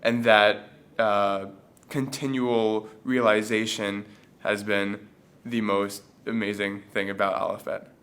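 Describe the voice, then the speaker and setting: A man reflects in a steady interview voice. His tone is low yet bright and sharp, and his pitch barely moves. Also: slow pace. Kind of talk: interview testimonial.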